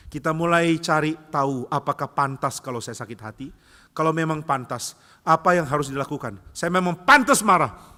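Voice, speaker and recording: A male pastor preaching a sermon, telling stories and acting out the dialogues in a church hall. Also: a little high. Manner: lively storytelling, acts out dialogues.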